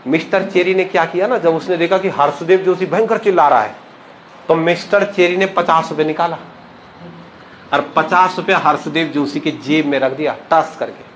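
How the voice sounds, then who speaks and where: A man's voice: a little high, normal speed, a bit bright, a little hiss or hum, poor audio. A man telling a playful, comic local history story, acting out the characters' lines in different voices.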